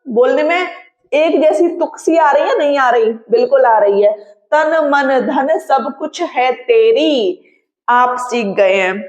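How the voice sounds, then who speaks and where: A woman's voice: high voice, reverberant, lo-fi sound. A woman teaching an exam-prep grammar lesson, explaining patiently and checking in often with her students. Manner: drawn-out, patient explaining with frequent check-ins. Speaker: Hindi teacher.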